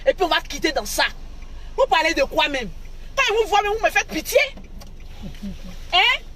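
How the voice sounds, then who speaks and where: A woman's voice: very high voice, expressive, a little fast, very noisy. A woman hosting an unscripted live stream on her phone, scolding and mocking her viewers and repeating herself for emphasis.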